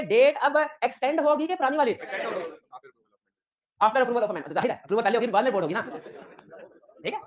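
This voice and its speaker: A man giving an audit lecture, who keeps checking whether his students follow and mixes in stories from his own work as an auditor. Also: very high-pitched. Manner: lively teaching with personal anecdotes. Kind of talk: classroom lecture.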